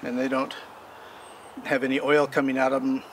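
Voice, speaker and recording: In a casual backyard how-to, an older homesteading-channel host rambles through a chainsaw repair while he works, folksy and plain-spoken. His mid-range voice stays monotone at normal speed, and the distant camera mic adds outdoor noise.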